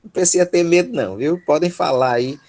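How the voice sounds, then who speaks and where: A man with a Brazilian Portuguese accent teaches Greek syllable by syllable in an online workshop, speaking fast in a slightly high, somewhat mellow voice. He is patient and encouraging and checks in with his students often.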